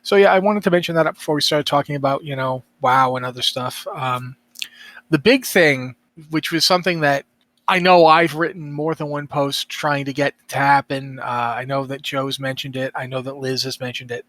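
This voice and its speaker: A man's voice: medium pitch, steady tone, moderate pace, a bit bright, dry recording. A man hosting a casual podcast, rambling and interrupting himself with a wry streak. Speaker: podcast host.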